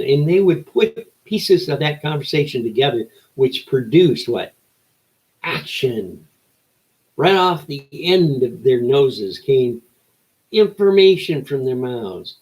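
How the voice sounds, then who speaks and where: An older man hosting a show delivers a rambling opinion monologue, an old man's folksy rant full of rhetorical questions and short emphatic phrases. His voice is medium-pitched and darkish, and the recording is rough.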